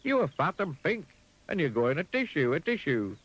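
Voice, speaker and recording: A simple, cheerful little storybook man chirps along in a high, eager voice, as a man puts him on. His pitch leaps all over, with a husky grain underneath. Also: big pitch swings, normal speed, a bit bright, exaggerated voice. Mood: cheery.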